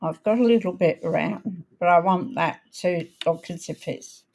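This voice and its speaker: Woman craft host, live demo, slightly crackly, lower voice, slow easy pace. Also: creaky, darkish tone. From outside America. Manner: chatty, unhurried, talks while working. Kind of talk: live card-making demonstration.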